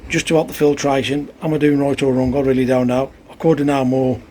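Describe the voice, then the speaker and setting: A man's voice: mid-range voice, level tone, a little fast, warm tone. Exasperated man vlogging by his pond. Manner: rambling, exasperated, chatty with swearing. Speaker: hobbyist koi keeper. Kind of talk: casual vlog narration. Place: outdoors by a garden pond in heavy rain. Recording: faint rain noise behind. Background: rain and outdoor ambience.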